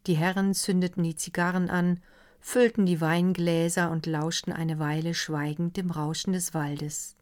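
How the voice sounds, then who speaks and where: A woman narrating an audiobook in a measured, even reading. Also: lowish voice.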